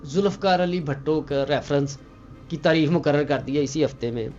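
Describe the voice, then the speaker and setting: A man's voice: fairly high pitch, darkish tone, dull audio, faint music behind. A man hosting a political talk show, probing his guest and pushing back with follow-up questions.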